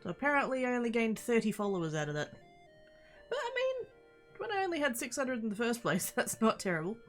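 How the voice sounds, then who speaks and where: A woman's voice: a little high, big pitch swings, fast talker. Casual woman streamer with music behind her. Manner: playful, informal greetings to chat; rambling, easily sidetracked. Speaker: livestreamer. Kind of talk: casual livestream chat.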